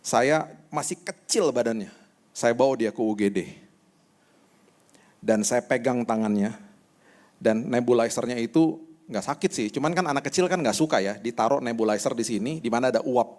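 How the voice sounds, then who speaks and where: A male pastor preaching a sermon in a conversational, animated storytelling way. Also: mid-range voice, normal speed.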